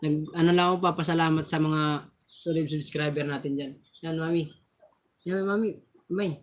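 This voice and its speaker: A man's voice: fairly high pitch, steady tone, moderate pace. A man hosting a casual live stream on his phone, chatting and laughing often as he thanks viewers, sometimes tripping over his words.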